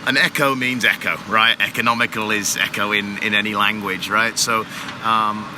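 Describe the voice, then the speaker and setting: Amid the noise of a busy trade show floor, a water heater company manager gives long, filler-heavy explanations in a casual interview. He speaks at a normal speed in a lowish voice with a steady tone.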